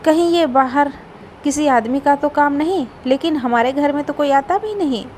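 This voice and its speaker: A sharp-tongued mother-in-law from a family story, read by a woman narrator. She scolds and suspects the household in a fairly high tone, with the bite of an elder who expects obedience. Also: moderate pace, a little hiss or hum, natural voice. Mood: worried. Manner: scolding, suspicious. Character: stern middle-aged mother-in-law, quick to blame.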